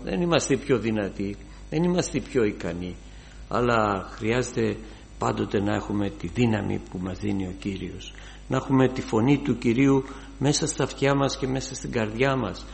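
An older man preaching a sermon, fervent, his voice rising to loud exclamations. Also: fairly low pitch, vocal fry.

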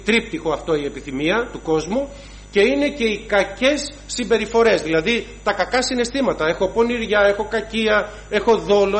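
A man's voice: high-pitched, low-quality recording. A man preaching a sermon to his congregation, emphatic and rhythmic, listing sins one after another and calling the listeners brothers.

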